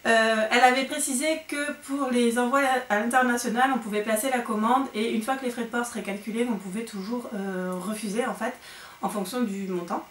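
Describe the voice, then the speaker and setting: A young woman chatting excitedly through an unboxing vlog, with lots of fillers. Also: fairly high pitch, brisk, echoey room, distant mic. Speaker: book vlogger.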